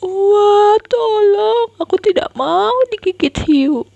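A woman's voice: very high voice, slow, gravelly, a little mellow, no echo, muffled recording, pitched above the performer's own voice, full character voice. A woman voicing a frightened little child in a storybook reading, squealing for help and hiccuping between cries.

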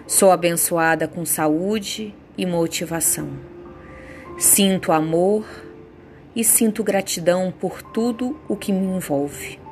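A woman guiding a meditation with affirmations in a soothing, unhurried way, leaving pauses between phrases. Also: fairly low pitch. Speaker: meditation guide. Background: soft background music.

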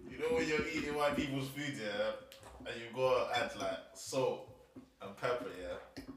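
A man's voice: mid-range voice, normal speed, far from the mic, background noise. A young man with a London roadman accent, bantering casually in slang and repeating phrases for emphasis. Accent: London roadman, multicultural London English. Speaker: podcast co-host. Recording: very echoey room, off-mic.

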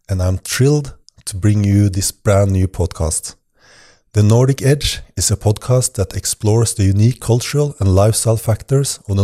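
Reading from a script as host of his podcast, this man from Norway keeps things earnest and measured. The voice is low, with a relaxed, mellow quality.

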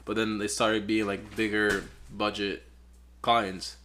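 A Peruvian photographer in his twenties speaks slowly in a lowish voice as a guest on a podcast interview, with slight background noise. He chats casually and rambles in a relaxed way, using lots of "like" fillers.

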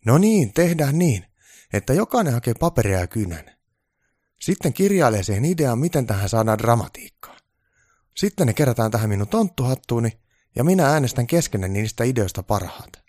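A man's voice: medium pitch, sing-song, darkish tone, no echo, clean studio sound, pitched above the performer's own voice. A man voicing an eager, fawning male supervisor who speaks politely and keenly.

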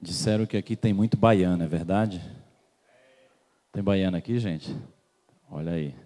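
Speaking low-pitched, a little slowly, and mellow, a man from Salvador in Bahia, Brazil delivers a sermon. He questions the congregation and waits for replies, and the church hall adds long reverb.

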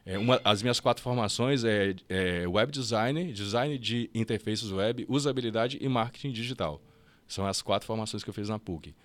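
A Brazilian man telling his story as a podcast guest, lively and quick, with fast restarts and acted-out bits of dialogue. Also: lowish voice. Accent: Brazilian Portuguese. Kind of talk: casual storytelling interview.

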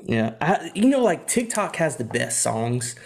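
A young man chatting on a podcast, loose and easygoing, laughing between stories. His voice sits at an everyday middle pitch. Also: big pitch swings, unhurried, vocal fry, darkish tone. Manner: laughs often, chatty with frequent "like" fillers. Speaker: podcast co-host. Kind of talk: casual chat.

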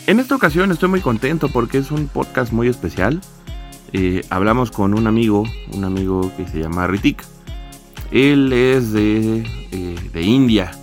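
A man's voice: on the low side, moderate pace. Male podcast host, hesitant conversational delivery, faint music underneath. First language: Spanish. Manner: hesitant, restarts often in English. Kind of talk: casual podcast chat.

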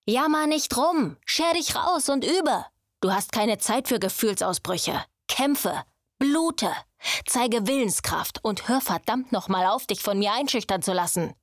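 A woman voicing a domineering young male thief mentor who scolds his apprentice with a raised, forceful voice. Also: medium pitch, normal speed, no echo, studio quality, lightly acted. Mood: berating. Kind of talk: audiobook character voice.

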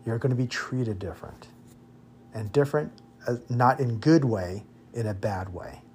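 At a moderate pace and medium pitch, this American man's darkish voice carries a casual podcast monologue with slight background noise behind it. A native English speaker living abroad, he hands out opinionated advice bluntly and circles back to stress key points.

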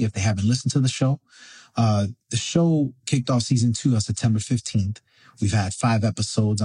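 Male podcast host, husky, relaxed dark tone, lowish pitch, casual Spanglish chat. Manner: informal, slipping Spanish phrases into English.

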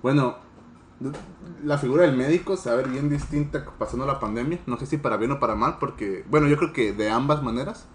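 A man's voice: mid-range voice, brisk, a little hiss or hum. Young Mexican man, slangy student. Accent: Mexican Spanish. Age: young adult. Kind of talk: casual podcast discussion.

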